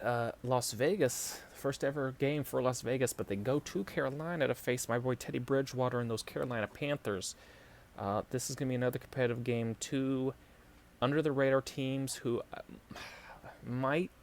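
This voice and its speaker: A man's voice: medium pitch, a little hiss or hum. A man with a New York accent hosting a podcast and chatting casually about football picks, with many fillers and restarts. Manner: halting, lots of fillers and restarts. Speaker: podcast host. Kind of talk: casual sports predictions chat.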